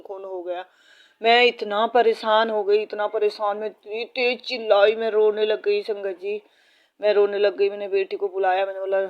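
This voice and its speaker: A woman's voice: medium pitch, lo-fi sound. A middle-aged woman giving a distressed, pleading personal testimony as a devotee at a satsang, repeating herself.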